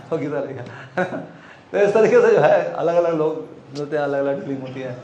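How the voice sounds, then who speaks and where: Animated male storyteller in echoey hall. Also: fairly high pitch, a little slow, dull audio. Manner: animated, acts out dialogues, laughs often. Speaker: monk telling book distribution stories. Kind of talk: storytelling talk to a group. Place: temple hall. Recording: echoey hall, faint background noise.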